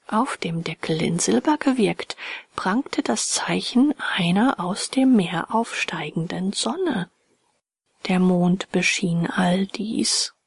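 A woman narrating a fairy tale in a soft, hushed, whispered reading. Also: medium pitch, no room sound, studio quality. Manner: soft, hushed and breathy delivery.

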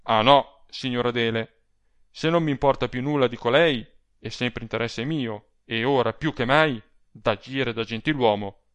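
A man reading the part of a proud gentleman who speaks in a measured, formal and resolute way. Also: medium pitch, smooth, close to an everyday voice. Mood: firm. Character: proud stiff gentleman, middle-aged. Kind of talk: audiobook character reading.

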